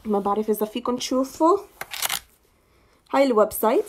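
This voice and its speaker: A woman's voice: a little high, animated, quick pace, a little hiss or hum. A young woman from Ohio speaks hesitant Levantine Arabic with an American English accent, giving an informal news update and mixing in English terms. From Ohio, United States. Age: young adult. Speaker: local TV channel presenter. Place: small indoor room. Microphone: phone at arm's length.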